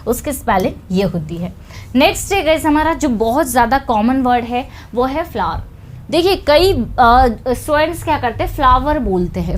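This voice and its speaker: A high-pitched woman runs an English lesson, walking through each word pair with patient explanations. She calls her viewers "guys" and checks in with short questions. A faint hiss sits behind her. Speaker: English teacher.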